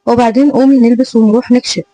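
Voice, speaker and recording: A woman's voice: on the high side, steady tone, very fast, mellow, close to an everyday voice, poor audio. A woman with an Egyptian accent voicing a worried, protective older brother who asks concerned questions. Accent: Egyptian Arabic.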